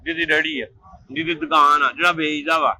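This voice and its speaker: A man's voice: on the high side, little pitch movement, a little fast, bright, forceful tone, rough recording. A man, performing a comic street sketch, scolding and repeating himself in irritation. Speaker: comedian. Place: outdoor food stall.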